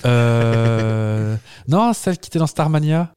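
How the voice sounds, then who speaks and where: A man's voice: mid-range voice, lively intonation, a little fast, a little mellow. A man co-hosting a podcast in casual chat, playful and joking, rambling from one aside to the next. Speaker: podcast co-host.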